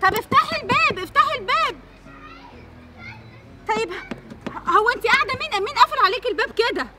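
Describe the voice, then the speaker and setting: A woman's voice: very high-pitched, lively intonation, fast. A woman with an Egyptian accent playing a kind stranger who pleads for help and soothes a child in a family skit, recorded outdoors. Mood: worried, soothing. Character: kind woman stranger, worried then indignant. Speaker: passerby helping a locked-in child.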